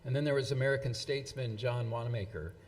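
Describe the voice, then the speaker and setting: Halting man presenting in a reverberant hall. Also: mid-range voice, darkish tone. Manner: halting, many fillers and restarts. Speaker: event presenter. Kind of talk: speech reading quotations. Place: event hall.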